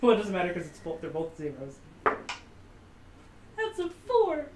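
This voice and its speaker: A woman's voice: lowish voice, huge pitch swings, measured pace, very noisy. A woman player in a tabletop game, joking and swearing freely, recorded in a roomy space on a distant mic. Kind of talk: casual chat at a tabletop game.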